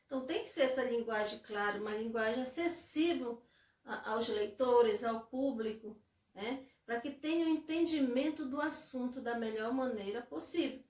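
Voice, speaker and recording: A woman teacher with a Brazilian accent walks her students through a lesson, restating each point and asking little check-in questions as she goes. Her voice sits high. She sounds a little distant from the mic, in a room with a noticeable echo. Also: a little mellow. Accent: Brazilian Portuguese. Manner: explains slowly, repeats points, asks "né?" often. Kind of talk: classroom lesson.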